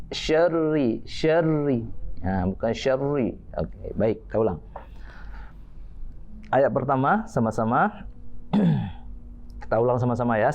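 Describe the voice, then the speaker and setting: A man's voice: mid-range voice, darkish tone, lo-fi sound. A man teaching Quran recitation on a TV lesson, patiently modelling each verse and counting his students in.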